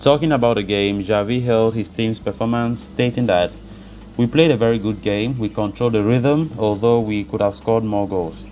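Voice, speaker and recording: A man's voice: lowish voice, normal speed, darkish tone, a little hiss or hum. A man presenting football news, reading a script and adding his own commentary.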